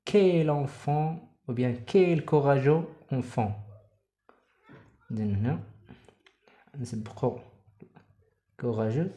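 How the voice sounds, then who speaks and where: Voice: medium pitch, slow, long pauses, mellow. A teacher with a Moroccan accent giving a primary school French lesson, reading example sentences aloud and explaining them in Darija. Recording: echoey room.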